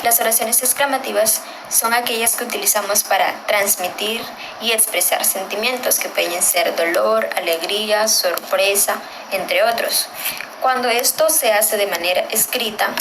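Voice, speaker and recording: A woman's voice: mid-range voice, background noise. Woman giving a casual class presentation. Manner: casual, with fillers and restarts while explaining. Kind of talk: short explanatory presentation.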